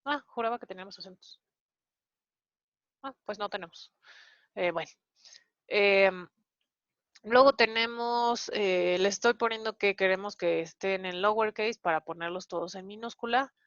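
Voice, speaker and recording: A woman's voice: mid-range voice, moderate pace, long pauses, fairly bright tone, no room sound. Woman instructor, patient step-by-step coding walkthrough, filler-heavy, dry and dull lo-fi audio. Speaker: programming instructor. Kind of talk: online coding lesson walkthrough.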